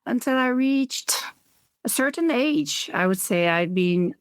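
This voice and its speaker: A woman's voice: on the high side, lively intonation, takes it slowly, clean tone, no room sound, studio quality. A woman speaks as a guest on a podcast interview, in an earnest way, often repeating words as she goes.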